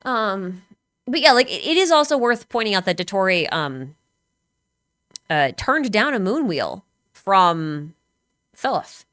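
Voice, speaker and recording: A woman's voice: medium pitch, big pitch swings, slow pace, long pauses, fairly bright tone, dry recording, studio quality. A woman streamer in casual chat, talking speculatively with many filler words.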